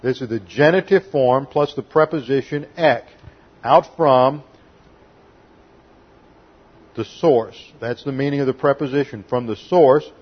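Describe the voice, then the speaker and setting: Husky-voiced man teaching a sermon. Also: medium pitch, highs cut off. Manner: deliberate teaching tone, stresses and slows key words. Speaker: pastor. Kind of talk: expository Bible teaching sermon.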